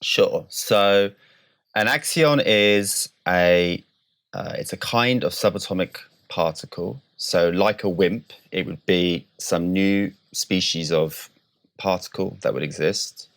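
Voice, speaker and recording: A man with a low, gravelly yet fairly bright voice appears as a scientist guest in an interview. He explains things in a measured, precise way, carefully qualifying definitions step by step.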